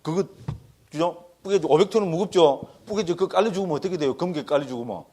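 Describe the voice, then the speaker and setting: A man's voice: fairly high pitch, fast talker, mellow. A Korean Buddhist monk giving a dharma lecture, folksy and joking, constantly checking in with his listeners.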